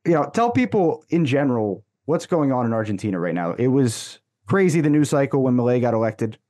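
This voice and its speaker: A man's voice: mid-range voice, very animated, a little fast, mellow. A podcast host in his thirties with a friendly, upbeat delivery. He speaks close to a large desk mic in a small room. He sounds casual and at ease. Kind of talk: casual interview. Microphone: large studio mic on a desk, headphones.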